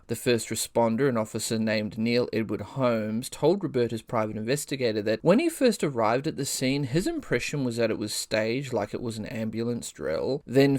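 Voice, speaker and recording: A man hosting a podcast, reading scripted true-crime narration in a measured way with skeptical asides. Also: mid-range voice, a little mellow, no echo, studio quality.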